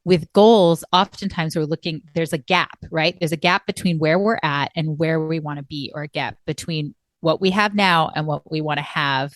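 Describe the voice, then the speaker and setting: A woman's voice: low voice, normal speed, few pauses, no room sound, clean studio sound. A woman co-hosting a motivational podcast from a remote setup, talking earnestly and reflectively, often checking in with "right?". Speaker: podcast co-host. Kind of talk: casual motivational chat. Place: recording remotely, apart from her co-host.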